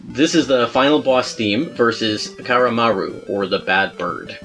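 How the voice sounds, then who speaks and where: A man hosting a podcast about video game music in a casual, chatty way, self-mocking and quick to laugh. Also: medium pitch, a bit bright. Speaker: podcast host.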